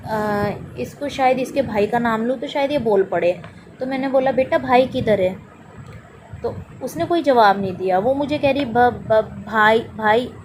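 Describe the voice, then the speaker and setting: A mother recounts a frightening day with her daughter, speaking earnestly and playing out both sides of the conversation. A steady background noise runs behind her voice. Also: on the high side. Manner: earnest storytelling, acting out her own and her daughter's lines. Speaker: mother telling a personal miracle story. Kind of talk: spoken personal testimony.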